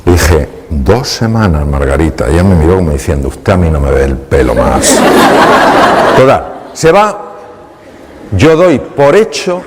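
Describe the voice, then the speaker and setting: A man's voice: sits low, a little hiss or hum. A man with a Spain Spanish accent, a doctor giving a talk, telling a story animatedly and acting out the dialogue on a clip-on mic in a large hall. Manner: animated, laughing storyteller who acts out dialogue.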